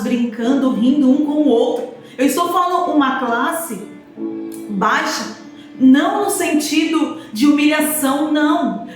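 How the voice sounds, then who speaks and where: A woman preacher, delivering a sermon in an emphatic, repetitive way and speaking straight to her listeners. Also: high voice. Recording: very echoey room with faint instrumental music.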